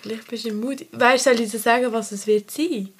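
A woman of about thirty with a Swiss German accent, hosting a casual podcast chat with lively enthusiasm and English phrases mixed in. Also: on the high side, a little fast, slightly rough. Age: around 30. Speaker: podcast host.

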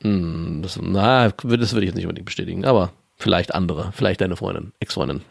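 A man in his thirties co-hosting a casual podcast, speaking dry and matter-of-fact, often trailing off into a low mutter. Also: a little fast, vocal fry, dry recording. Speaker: podcast co-host.

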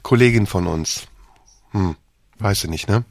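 A man's voice: lowish voice, measured pace, no room sound. A man co-hosting a podcast in casual banter, rambling through stories and jokes. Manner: joking, rambling storyteller. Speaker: podcast co-host.

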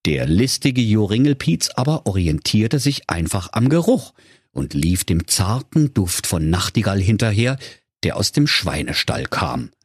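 A man tells a silly fairy tale with playful, animated storytelling. His lowish voice is slightly husky, recorded dry and close. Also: measured pace, dry recording. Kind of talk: comic fairy-tale narration.

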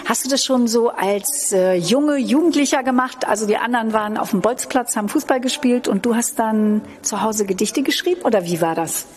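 A woman's voice: a little high, a little fast, hardly any pauses, a little mellow. A woman chatting casually as an interviewer and co-host. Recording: clear ambient background noise.

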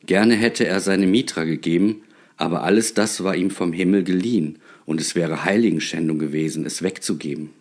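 A man reading a story aloud with expressive, theatrical delivery. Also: low-pitched, a little fast. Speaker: narrator.

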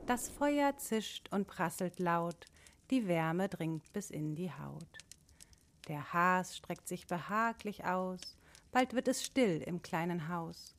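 A woman narrating a rhymed children's storybook in a measured, sing-song way. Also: on the low side, lively intonation.

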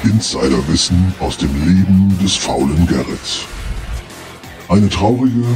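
A man speaking in a disguised deep voice, reading a formal anonymous statement in a flat, measured way. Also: music in the background. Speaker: anonymous informant in a sent-in recording.

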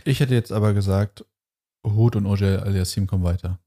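A man co-hosting a casual podcast chat in a calm, matter-of-fact way. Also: lowish voice, fairly quick. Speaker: podcast co-host.

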